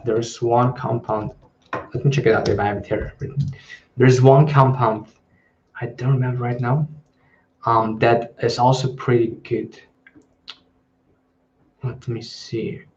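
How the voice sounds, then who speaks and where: Hesitant man on a dull lo-fi stream. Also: mid-range voice. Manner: hesitant, many ums and restarts. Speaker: channel host. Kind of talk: live Q&A. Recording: dull lo-fi livestream audio.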